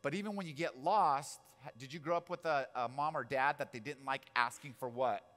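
A man's voice: medium pitch, brisk, fairly bright tone. Man, forties, pastor, casual sermon, storytelling, frequent asides to the audience. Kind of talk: conversational sermon.

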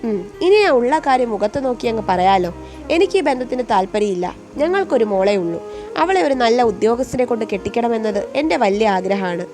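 A woman's voice: on the high side, big pitch swings, a little fast, darkish tone, soft background music. A woman voicing a stern middle-aged father who refuses his daughter's chosen match, speaking curtly and scolding. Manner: curt and scolding. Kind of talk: storytelling voice acting.

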